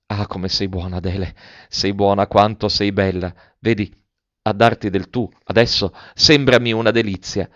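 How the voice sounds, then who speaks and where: Fervent young guy in love, read by a man, lowish voice, dry dull audio. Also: level tone, moderate pace, a bit bright, no echo, close to an everyday voice. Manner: pleading, fervent. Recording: dull, slightly muffled dry sound.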